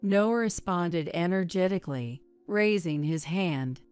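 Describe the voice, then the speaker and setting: A woman narrating a story in a measured, even way. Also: lowish voice, clean tone, soft background music.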